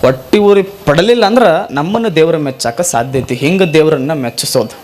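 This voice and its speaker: A man's voice: fairly high pitch, animated, fairly quick, a little mellow. A man, a monk, preaching a sermon with a North Karnataka accent, telling stories with acted dialogue and chanting verses. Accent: North Karnataka Kannada.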